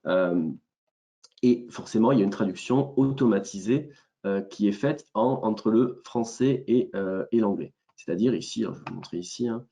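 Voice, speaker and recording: A man with a southern French accent presenting a software demo in a webinar, talking hesitantly with many fillers and restarts. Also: fairly low pitch, moderate pace, creaky.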